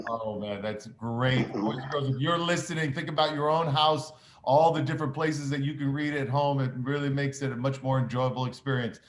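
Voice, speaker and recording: A man playing the principal reads the morning announcements on the school intercom in a mid-range voice, steady in tone, at normal speed with few pauses. He's upbeat and encouraging, says "uh" frequently, and the intercom-style audio has echo and faint noise.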